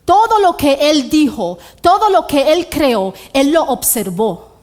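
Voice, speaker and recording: A woman's voice: sits high, big pitch swings, slow, darkish tone. A woman with a Puerto Rican accent preaching a church sermon, asking the congregation rhetorical questions and repeating her key lines. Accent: Puerto Rican Spanish. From Puerto Rico.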